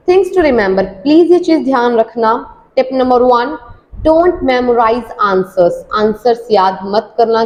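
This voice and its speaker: A woman from India, an English teacher, giving a casual IELTS speaking lesson. She explains in Hindi and reads the English tips slowly and clearly. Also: on the high side, highs cut off.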